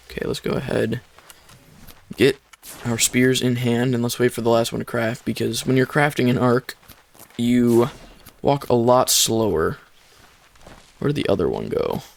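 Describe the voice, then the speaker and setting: Young guy w gravelly voice, chatty game commentary, explaining stuff as he plays. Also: mid-range voice. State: short of breath at times. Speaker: gaming YouTuber. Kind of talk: casual gameplay commentary. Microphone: desk microphone.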